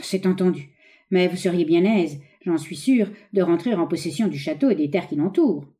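A woman reading an audiobook, voicing a ruthless, scheming young man who speaks in an urgent, forceful, raised voice. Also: fairly low pitch, normal speed, close to an everyday voice. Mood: bitter.

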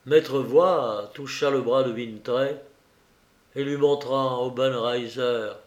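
Man reading a novel aloud, slow and measured, echoey room. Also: mid-range voice, fairly even intonation. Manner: measured, dramatic pauses. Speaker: audiobook reader.

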